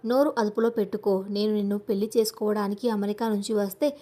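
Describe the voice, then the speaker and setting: A woman's voice: mid-range voice, fairly even intonation, quick pace, warm tone, natural voice. A woman narrator voicing an arrogant, wealthy young man who speaks with open contempt. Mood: sneering. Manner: sneering, contemptuous.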